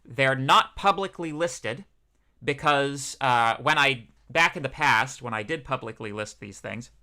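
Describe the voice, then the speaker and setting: Chatty young man lecturing, bright voice. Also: mid-range voice. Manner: chatty, rambling, with many fillers. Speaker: university lecturer, PhD student. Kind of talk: casual livestreamed lecture.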